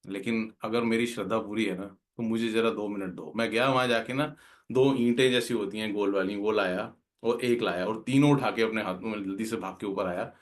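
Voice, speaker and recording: A man earnestly telling a heartfelt personal devotional story, slipping English words into his talk. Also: fairly low pitch. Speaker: guest speaker at a devotional gathering.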